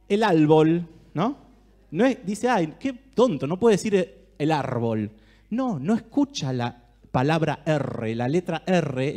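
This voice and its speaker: A man's voice: sits high, darkish tone. A man with an Argentine Spanish accent, giving a talk to a church group and speaking straight to his listeners with questions. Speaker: speaker at a church family ministry. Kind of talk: talk to a live audience.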